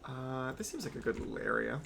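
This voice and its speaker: A man's voice: medium pitch, big pitch swings, fairly quick, gravelly, fairly bright tone, faint music behind. A young man streaming a game, rambling wryly with swearing asides as he plays. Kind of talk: casual gameplay commentary.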